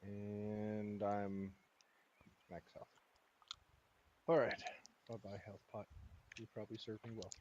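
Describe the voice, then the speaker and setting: A man's voice: fairly low pitch, level tone, slow pace, long pauses, highs cut off, noisy background. A man playing a tabletop game, playful and full of questions about the rules. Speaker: player. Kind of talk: casual tabletop game chat.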